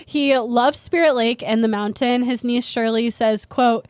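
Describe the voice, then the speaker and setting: Podcast co-host, female, Valley girl accent and manner. Higher pitch, dry sound, conversational storyteller. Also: a little slow, no echo. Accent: Valley girl American. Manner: Valley girl way of talking, peppered with "like".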